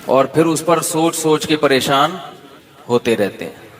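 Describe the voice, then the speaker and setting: A male preacher speaks in a measured, conversational sermon, now and then addressing people in front of him. His voice carries a long echo through a large hall, with a faint murmur of ambience underneath. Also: a little high. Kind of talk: sermon to a live gathering. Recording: reverberant hall with faint background noise.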